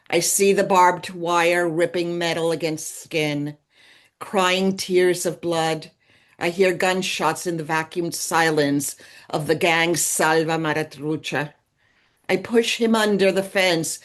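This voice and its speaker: A woman's voice: on the low side, steady tone. A woman poet giving a solemn, dramatic poetry reading at an arts center. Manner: slow, solemn, dramatic recitation.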